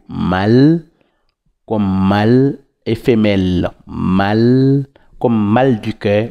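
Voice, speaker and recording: A man teaching Quran recitation, patiently breaking words into syllables and repeating them slowly. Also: fairly low pitch. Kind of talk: slow syllable-by-syllable recitation lesson. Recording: dull lo-fi recording.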